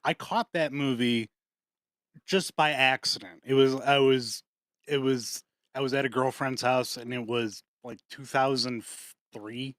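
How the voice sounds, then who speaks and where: A man co-hosting a podcast in casual chat, rambling and swearing often, with quick laughs between points. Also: medium pitch, fairly even intonation, a bit bright, no room sound, clean studio sound. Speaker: podcast co-host.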